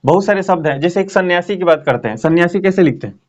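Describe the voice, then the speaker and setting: In a muffled recording, a man with a high, animated voice talks fast while teaching grammar at a board. His explanations are chatty, and he checks in with students often.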